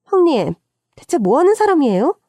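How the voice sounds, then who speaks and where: A woman's voice: high-pitched, very animated, fairly quick, a little mellow, dry recording, studio quality, pitched above the performer's own voice. A woman voicing a snobbish, condescending young female doctor who scolds sharply, acted for a dramatized radio story. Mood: indignant scolding.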